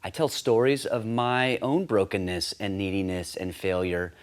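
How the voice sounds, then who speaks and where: A man giving a scripted teaching talk on sharing faith, earnest and steady, lifting his voice when he acts out quoted lines. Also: on the low side, normal speed, smooth. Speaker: campus ministry teacher.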